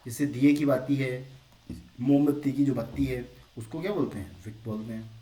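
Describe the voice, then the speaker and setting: A man teaching English grammar in a classroom style, explaining slowly, repeating phrases and keeping up a stream of rhetorical questions. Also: mid-range voice, mellow, reverberant, far from the mic.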